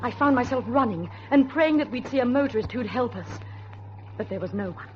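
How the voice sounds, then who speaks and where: In a grave, suspenseful old radio drama, she voices the anxious yet determined young niece, narrating and speaking earnestly in a literary way. Her voice is a little high and fairly quick, lively in intonation and lightly acted, heard through muffled audio with faint noise.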